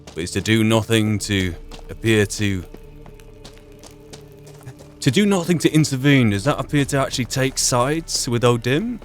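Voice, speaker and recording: Over video game music, a man with a medium-pitched, expressive voice narrates a roleplay playthrough at an unhurried pace, leaving long pauses. He muses philosophically, slipping in and out of character and putting rhetorical questions to himself.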